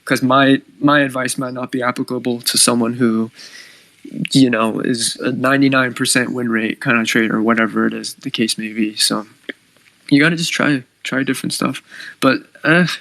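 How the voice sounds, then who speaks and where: A man's voice: mid-range voice, fairly bright tone, dry recording, low-quality recording. A man giving casual trading advice on a live stream, talking loosely with lots of "like" and "you know".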